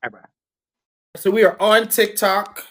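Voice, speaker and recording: A man's voice: sits high, fairly even intonation, a little slow, a bit bright. A man hosting a dating show on a phone livestream, chatting casually, talking straight to viewers and laughing often.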